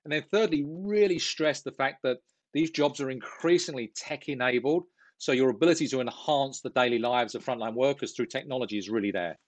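Middle-aged UK-born man, interview guest, measured earnest delivery, mid pitch, dry close sound. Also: no room sound. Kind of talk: business interview.

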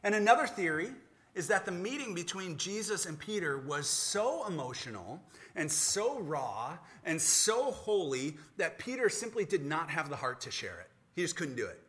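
A man's voice: fairly high pitch, big pitch swings, normal speed, a bit bright. A man preaching an Easter sermon as pastor, telling the story earnestly and dramatically.

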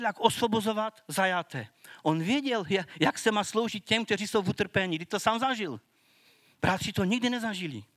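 A man preaching, his voice pitched high for a man. He talks earnestly and conversationally and sometimes restarts his words. The sound is dry and close, with no room echo. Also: fairly bright tone. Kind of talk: sermon.

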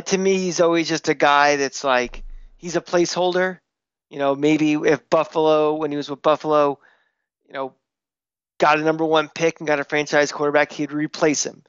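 A man co-hosting a casual sports podcast, blunt and opinionated, talking in quick bursts. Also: on the high side, steady tone, fairly bright tone, smooth, dry recording, muffled recording. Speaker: podcast co-host.

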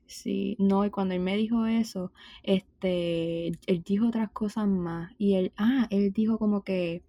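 A young woman with a Puerto Rican accent telling a story in casual chat, animated and full of slang. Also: medium pitch, a little slow, no echo, studio quality.

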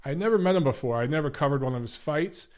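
This podcast host's voice sits fairly high and has a darkish tone, and he talks fast and animatedly. Addressing his boxing podcast's viewers in a relaxed way, he sounds a bit congested, circles back over phrases, and peppers his speech with "guys" and "uh."

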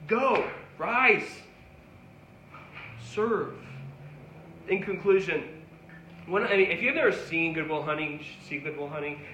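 A man preaching in a high, bright voice, earnest and pleading as he repeats his calls. The sound carries an echoey room around him, with faint ambience underneath. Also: measured pace, a little hiss or hum. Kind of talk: sermon.

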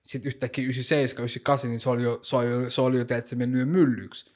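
A man's voice: mid-range voice, flat delivery. Slangy young man chatting casually. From Finland. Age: young adult. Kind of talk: casual conversation.

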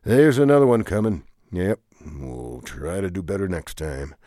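A man's voice: low-pitched, sing-song, normal speed, warm tone, no echo, studio quality. A man telling an improvised comic story with two bickering characters, rambling and often groaning and humming along. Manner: rambling, with frequent groaning "ugh"s and playful humming.

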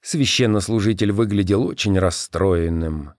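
Male audiobook narrator, low and measured, dry booth sound. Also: a little mellow, dry recording. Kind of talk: audiobook reading.

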